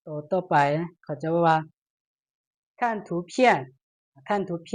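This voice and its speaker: A woman with a Lao accent teaching a beginner Chinese lesson, saying each word twice and explaining its meaning. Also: lowish voice. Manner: slow, repeats each word, reads Chinese aloud brighter and louder. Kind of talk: language lesson.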